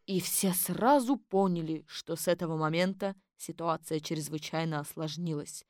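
A woman narrating an audiobook for children. Her storytelling is lively and wry. The sound is dry and close. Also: sits low, normal speed, dry recording.

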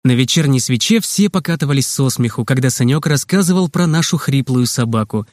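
A man's voice: medium pitch, animated, fairly quick, dry recording. Man reading a children's story, dry sound. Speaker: narrator.

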